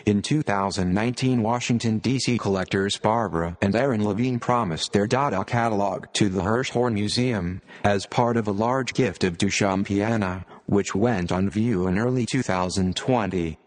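A computer-generated male voice like an old speech synthesizer, reading scripted narration with stiff, robotic, measured phrasing. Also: fairly low pitch, in a large hall. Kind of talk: scripted narration, read aloud.

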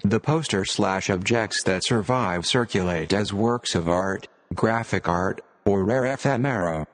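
A computer-generated male voice reminiscent of an old speech synthesizer reads scripted narration aloud. The phrasing is stiff, robotic and measured, the voice lowish, with a long reverb tail trailing behind.

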